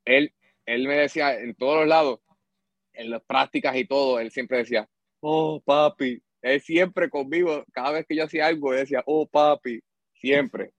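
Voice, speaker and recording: A young army supply sergeant from Puerto Rico, a guest in a casual interview, tells stories in a mid-range voice at a slightly fast clip with a Puerto Rican Spanish accent. He animatedly voices the people he quotes and slips in English phrases; the sound is dry, with no room echo, and the highs are cut off.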